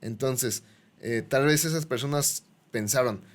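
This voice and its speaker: Un hombre en un pódcast que comenta con calma y reflexiona con ejemplos. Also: male voice, medium pitch, a little slow. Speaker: podcast co-host. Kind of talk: casual reflective chat.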